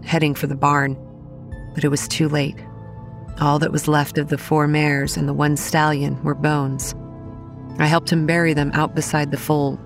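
An actress portrays a haunted young woman, recounting horrors from her childhood in a solemn, deliberate first-person storytelling manner. Her voice sits low and the mood is somber.

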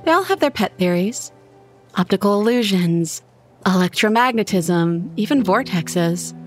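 A woman reading a first-person horror story in an intimate, expressive way. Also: mid-range voice, measured pace, faint music behind. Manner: intimate, expressive, voices her own character's lines. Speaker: narrator.

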